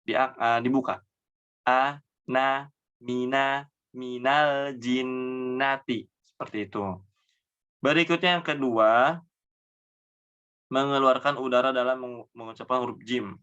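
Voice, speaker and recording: Man, patient recitation teacher, slow drawn-out demonstrations, mid-pitched voice, dull lo-fi sound. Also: clean tone. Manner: patient, explains then recites words slowly and drawn out; trails off softly after each example.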